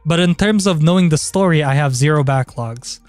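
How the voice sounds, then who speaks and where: A man's voice: fairly high pitch, moderate pace, a little mellow, no echo. A man chatting casually on a livestream in an informal, sweary, rambling way. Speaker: streamer. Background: background music.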